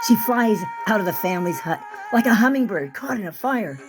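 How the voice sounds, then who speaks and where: A woman author reading excerpts from her own novel in a vivid, expressive storytelling manner. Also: mid-range voice, a little fast, over music. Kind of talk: dramatic audiobook-style reading.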